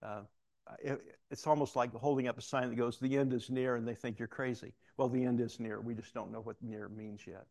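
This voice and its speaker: A man's voice: medium pitch, steady tone, brisk, gravelly, darkish tone. A middle-aged man preaching a sermon, telling a personal story and acting out the voices of the people in it. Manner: storytelling, acts out quoted voices with asides.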